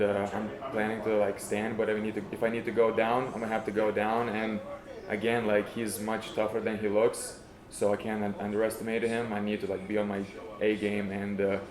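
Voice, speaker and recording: A man's voice: fairly low pitch, completely flat delivery, normal speed, a crowd in the background. A young man from Lithuania, giving modest, hesitant, easygoing answers as a fighter in an interview. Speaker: MMA fighter being interviewed. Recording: echoey room.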